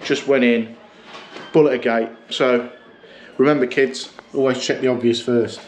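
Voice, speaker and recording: A man's voice: mid-range voice, steady tone, unhurried, heavy background noise. A man, a plumber chatting and explaining as he works, a little self-mocking. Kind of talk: work vlog narration. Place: living room in a house, indoors.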